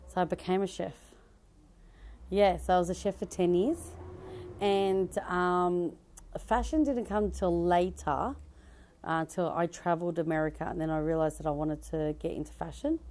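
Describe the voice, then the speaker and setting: A woman's voice: lowish voice, steady tone, normal speed, a little mellow. A woman in her thirties with an Australian accent, answering interview questions chattily in a dress shop, laughing easily and restarting sentences. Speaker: comedian and fashion designer. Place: bridal dress shop, indoors. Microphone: handheld mic held by interviewer.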